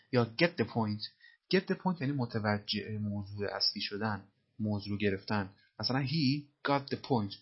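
Husky-voiced man teaching English phrases. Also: lowish voice, dull audio. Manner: patient, repeats phrases slowly and translates them. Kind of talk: explaining English film lines in Persian.

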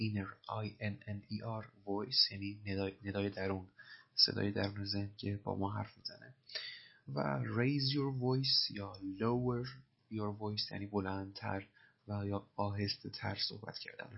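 Gravelly-voiced man teaching English. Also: fairly low pitch. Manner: patient, repeats phrases and spells words letter by letter. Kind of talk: explaining film dialogue in a language lesson. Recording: dull lo-fi recording.

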